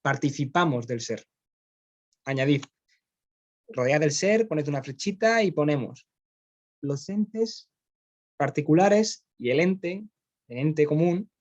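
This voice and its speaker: Spanish man lecturing a class, slightly high. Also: animated, takes it slowly, pauses often, dull audio. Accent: Spain. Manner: explanatory, checks in with "vale", jokes with students. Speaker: philosophy teacher.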